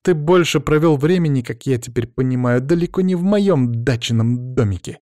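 A man's voice: mid-range voice, animated, normal speed, mellow, no echo, studio quality, natural voice. A man reading an audiobook, voicing a tired, hurt middle-aged mother who speaks in a tense, curt way. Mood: indignant. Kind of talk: audiobook character voice.

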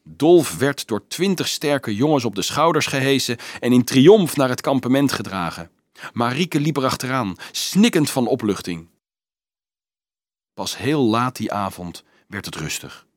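A man reading a children's novel aloud in a lively, expressive storytelling manner. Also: medium pitch, measured pace, no echo, studio quality. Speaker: audiobook reader.

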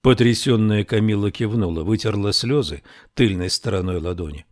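A man with a fairly low-pitched voice narrates an audiobook from a script, telling the story in a measured, expressive way. The sound is studio quality, with no room sound.

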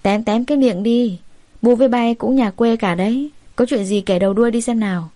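A woman's voice: a little high, brisk, dark tone, no room sound, lightly acted. A woman voicing a stern, domineering old mother-in-law who scolds harshly and gives orders.

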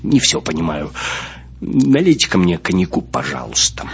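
A man voicing a deep-voiced, bewildered older navigator who is plain-spoken and puzzled, in a muffled, lo-fi audiobook recording. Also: big pitch swings, moderate pace, creaky, husky, full character voice.

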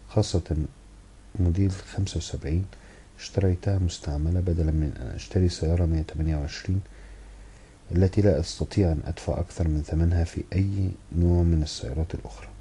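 A man with an Egyptian accent reading a novel aloud in the first person, measured, with wry asides. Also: low voice, dark tone, husky, rough recording. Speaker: audiobook reader.

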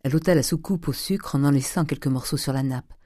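Measured literary audiobook reader. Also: mid-range voice, a little mellow, no echo, clean studio sound.

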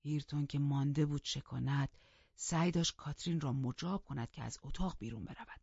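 A woman narrating an audiobook in a steady storytelling manner, in a dull lo-fi recording. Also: deep voice, slightly rough, no room sound. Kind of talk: scripted narration.

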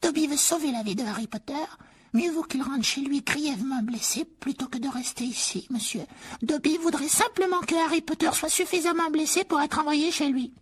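A woman's voice: high-pitched, moderate pace, lightly acted. A woman voicing a timid, pleading male house-elf servant in a dramatized audiobook reading, fretful and anxious to please. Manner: pleading, fretful and self-punishing.

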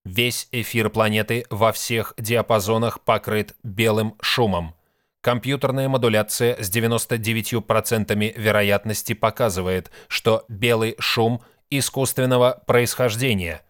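A monotone ship's computer from a sci-fi audiobook, as a male reader puts it on, speaking in a loud, slow, evenly clipped voice. Each report lands flat and machine-like, pitched fairly low. The sound is dry and close. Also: no room sound, close to an everyday voice. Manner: monotone, mechanical, measured. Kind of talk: audiobook reading.

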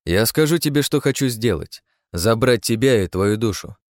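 A man's voice: mid-range voice, animated, normal speed, a little mellow, dry recording, lightly acted. A man voicing a scheming male protagonist who talks like a demon, coaxing and menacing in a storybook reading. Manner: cold, coaxing, menacing persuasion.

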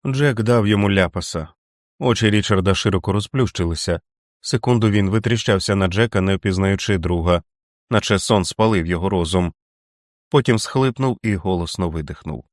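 Man, audiobook narration, measured dramatic reading, lowish voice, dry sound. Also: no echo.

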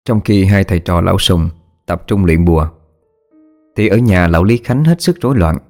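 A man's voice: deep voice, moderate pace, a little mellow. A man giving scripted, dramatic narration of a horror story. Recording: faint background music.

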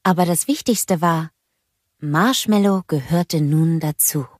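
A woman narrating a children's audiobook in a slow, animated and playful way, close to the microphone. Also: sits low, no echo. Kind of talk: scripted storybook narration.

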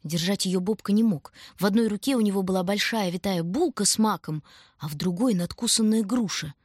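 A woman narrating an audiobook in a measured, even storytelling manner. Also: medium pitch, husky, no room sound, studio quality.

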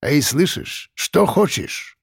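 A man's voice: fairly high pitch, very animated, slow pace, vocal fry, breathy edge, dry recording, studio quality, heavily acted. A man reading an audiobook, voicing a drunk, menacing man who barks his threats. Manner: menacing, barking.

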